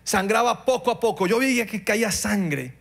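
A middle-aged man preaching a sermon, passionate, swinging between loud pleading and quiet moments. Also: high-pitched, lively intonation, normal speed, vocal fry. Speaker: pastor.

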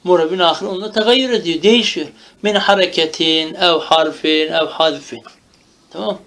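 A man teaches a grammar lesson in a high, light voice. He asks his own questions and answers them, going over each term again and again. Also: normal speed, fairly bright tone. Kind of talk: lecture.

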